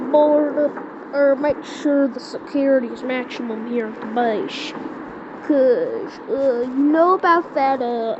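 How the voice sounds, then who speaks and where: An amateur creator with a high voice improvises a skit and mock emergency announcement, voicing a homemade emergency scenario. She speaks haltingly, repeating words as she searches for phrasing, and the dull lo-fi audio carries loud background noise.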